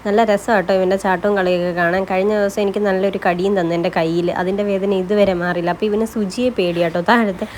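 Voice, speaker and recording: Fast-talking chatty woman vlogger. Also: medium pitch, steady tone, darkish tone, a little hiss or hum. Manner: chatty, often adds friendly tag words to her sentences. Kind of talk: casual daily-life vlog narration.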